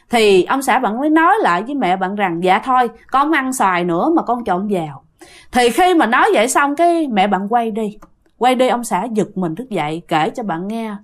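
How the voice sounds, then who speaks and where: A woman telling a ghost story in casual spoken style, talking straight to the listener with many fillers. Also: on the high side. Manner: addresses the listener directly, many fillers like "á" and "nha".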